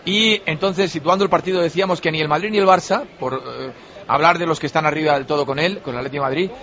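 A man's voice: a little high, fast talker, fairly bright tone. A man giving football punditry, rambling and hesitant with fillers as he sums up the match. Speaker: studio pundit. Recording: dull lo-fi broadcast audio.

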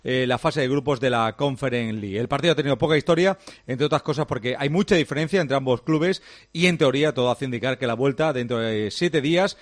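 A man's voice: medium pitch, quick pace. A man giving a football match report on the radio, fluent but with some hesitation fillers.

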